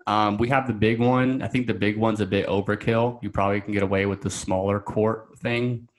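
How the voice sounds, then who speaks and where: A man's voice: on the low side, fairly even intonation, a little fast. A man guest on a podcast, talking casually and rambling with many fillers and restarts. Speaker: coaching client guest.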